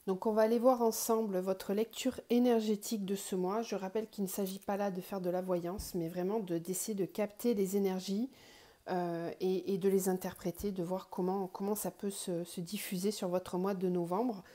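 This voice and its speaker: A woman hosting a spiritual card reading for viewers, slightly ill, her voice cracking at moments, explaining gently with pauses. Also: medium pitch, fairly even intonation. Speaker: tarot card reader and online guidance host.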